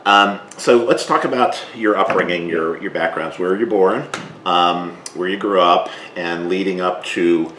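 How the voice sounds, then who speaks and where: A man hosting an interview, asking long questions in a relaxed way with plenty of fillers. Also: low-pitched, measured pace. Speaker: host. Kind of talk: casual interview. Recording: echoey room with faint noise.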